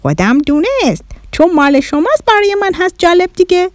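A woman's voice: very high voice, very animated, dry recording, studio quality, voice pushed up. A woman voicing a curious, mischievous little Martian boy who talks in broken, childlike sentences. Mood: playful. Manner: broken ungrammatical speech, childlike wonder.

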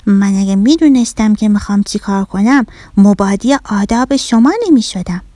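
A woman's voice: medium pitch, no room sound, clean studio sound, natural voice. A woman voicing a naive, literal-minded young fish child who chattily tells her own children's story. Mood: earnest. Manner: earnest, chatty, lively telling.

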